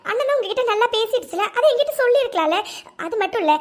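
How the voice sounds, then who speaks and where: A woman's voice: very high voice, animated, racing. A woman voicing a fretful young woman in love in a cartoon, who keeps asking worried questions and apologizing. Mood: reproachful. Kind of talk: cartoon dialogue.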